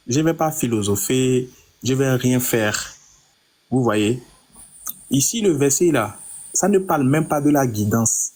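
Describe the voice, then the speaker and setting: Husky man explaining verses in a debate. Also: mid-range voice, darkish tone. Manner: recites verses, then explains them patiently. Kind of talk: heated live-stream debate.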